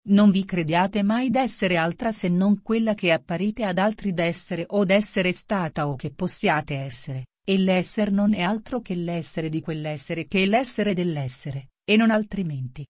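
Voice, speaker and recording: A woman's voice: on the low side, normal speed, few pauses, a little mellow, no echo, clean studio sound, lightly acted. A woman voicing a fawning old duchess who turns everything into a moral, in an audiobook reading. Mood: moralizing. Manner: sententious, moralizing.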